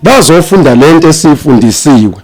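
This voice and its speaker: A man's voice: fairly high pitch, lively intonation, a little fast, a little mellow, soft background music, rough recording. A man with a South African accent and native Zulu, giving a sermon as guest preacher with repetitive, listing phrasing.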